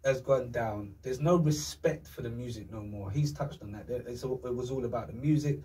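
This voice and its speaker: A London music artist with a London accent guests on a podcast for a casual chat, talking emphatically and animatedly in street slang and acting out quotes. His medium-pitched voice moves a little fast, picked up by a distant mic.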